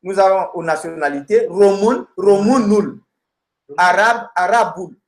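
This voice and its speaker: A male teacher gives a lesson in a slightly raised voice, speaking very slowly and carefully. He hesitates often, repeating words while he looks for the right page. The room gives his voice a noticeable echo. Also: sits high. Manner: halting, many fillers and repeated words while searching pages; spells out word endings slowly, addressing the student as tu. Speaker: language teacher. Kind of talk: recorded lesson, talking through a textbook.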